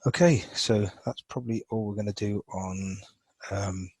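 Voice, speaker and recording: A man's voice: fairly low pitch, steady tone, moderate pace, darkish tone, slightly rough, no echo, rough recording. A man teaching chemistry in a loose lesson style, thinking aloud as he colors in a chart, with frequent fillers and restarts. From England. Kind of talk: informal lesson over a drawn screen.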